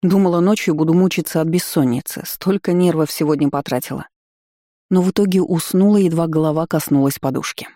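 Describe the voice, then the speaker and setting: An audiobook narrator telling a first-person fantasy story in a lively, expressive way. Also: medium pitch, a little fast, dry recording, studio quality.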